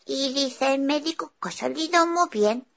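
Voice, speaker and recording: A cheerful little boy, voiced by a woman, tells his story in a high, bright-sounding voice. He rushes through it eagerly and trips over his restarts. It is children's show storytelling. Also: vocal fry. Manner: eager, breathless retelling with stammered restarts. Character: young boy, cheerful and chatty. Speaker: child character telling a story.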